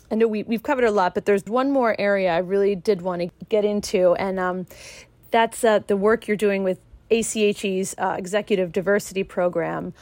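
A woman's voice: mid-range voice, a little mellow, dry recording. Brief: female interviewer, conversational and affirming, dry recording. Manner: affirming, with quick verbal nods.

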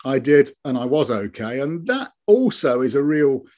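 A man's voice: mid-range voice, very animated, moderate pace, a little mellow. Earnest man in his early fifties. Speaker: interview guest, stroke survivor. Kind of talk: reflective personal account in an interview.

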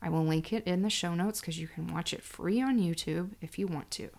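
Middle-aged woman host, low gravelly voice, candid and emphatic solo talk. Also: a little fast, darkish tone. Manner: candid, sarcastic, emphatic storytelling. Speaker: podcast host. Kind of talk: solo podcast monologue.

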